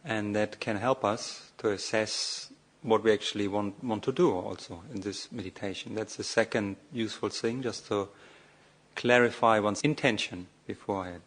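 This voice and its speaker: A monk, played by a man, offers an improvised guided meditation in short, measured phrases interrupted by long, hesitant pauses. His voice is lowish yet fairly bright in tone.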